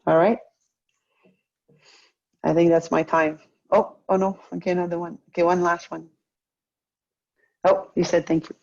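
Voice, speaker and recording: A woman's voice: on the low side, little pitch movement, unhurried, vocal fry, pauses often, darkish tone, highs cut off. A woman professor explaining informally and a little hesitantly in an online lecture over a video call. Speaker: professor speaker.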